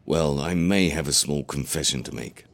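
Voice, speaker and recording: A man's voice: extremely low pitch, normal speed, vocal fry. A man voicing an elderly grandfather who tells a rambling, earnest tale. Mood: conspiratorial. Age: older. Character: chatty elderly grandfather, injured golfer.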